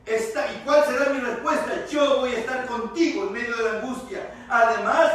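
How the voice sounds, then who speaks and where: High-voiced male pastor in an echoey hall. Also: normal speed, fairly bright tone. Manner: emphatic preaching, stretching and repeating key words. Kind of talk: sermon. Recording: echoey church hall, voice from far off.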